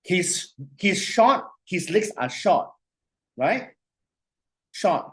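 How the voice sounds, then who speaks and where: Animated lecturer who keeps asking "you see?". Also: male voice, high voice, husky. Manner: animated, repetitive, asks "you see?" often; slows way down to dictate phrases. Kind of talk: classroom lecture.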